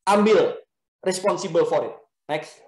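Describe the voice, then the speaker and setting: A man's voice: high-pitched, a little slow. Man, motivational talk, mixes in English phrases, acts out exchanges, roomy echoey sound. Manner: lively, acts out dialogues with others. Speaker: speaker at a talk. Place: event venue.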